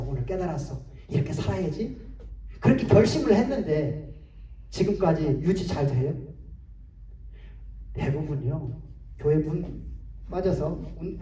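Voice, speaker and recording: Male pastor, sermon, high lively voice, mellow tone, echoey church, distant mic. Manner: animated, rhetorical questions, chuckling. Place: church sanctuary. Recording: echoey hall, distant mic, faint hiss.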